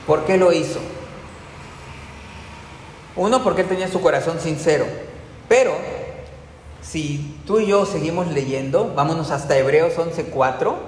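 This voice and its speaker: A man's voice: fairly high pitch, measured pace, long pauses, darkish tone. Man preaching in an echoey church hall. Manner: conversational preaching, rhetorical questions to the congregation. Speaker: pastor. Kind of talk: sermon. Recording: very echoey church hall, faint room noise.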